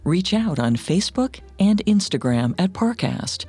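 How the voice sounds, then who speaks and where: A woman's voice: on the low side, big pitch swings, a little slow, warm tone, slightly rough. A woman co-hosting a podcast, reading scripted mystery narration. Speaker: podcast co-host.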